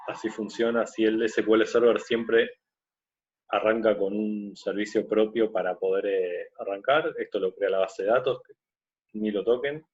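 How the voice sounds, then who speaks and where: A man teaching a screen-recorded software course, explaining step by step and often checking in with his listeners. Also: on the low side, muffled recording. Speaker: course instructor.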